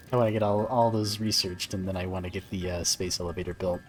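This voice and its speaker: Man thinking aloud while gaming. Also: sits low. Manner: thinks aloud with fillers and playful asides. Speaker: streamer. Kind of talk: casual gaming stream.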